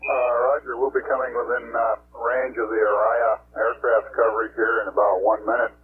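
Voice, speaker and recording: A man acting as a mission control communicator, making measured, matter-of-fact procedural radio callouts. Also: medium pitch, level tone. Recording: very noisy tinny radio loop with hum. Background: loud hiss and hum.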